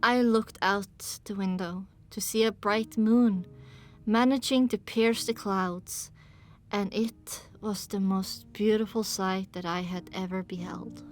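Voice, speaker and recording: A woman reading a first-person audiobook in measured storytelling. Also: mid-range voice, steady tone, faint music behind. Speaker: audiobook narrator. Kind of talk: scripted first-person narration.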